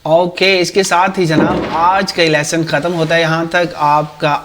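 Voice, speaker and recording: A male teacher with a Pakistani accent and a fairly high voice works through a textbook passage. He reads the English lines slowly and carefully, then breaks into quick Urdu explanation. He keeps asking questions as if quizzing a class. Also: little pitch movement, noisy background. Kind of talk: textbook lesson, reading English and translating to Urdu.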